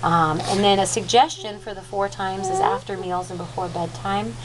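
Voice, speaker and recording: A woman's voice: medium pitch, animated, moderate pace. A woman working as a dental assistant, patiently and informally explaining aftercare instructions in detail and checking she is understood. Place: clinic recovery room. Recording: noisy room with background ambience.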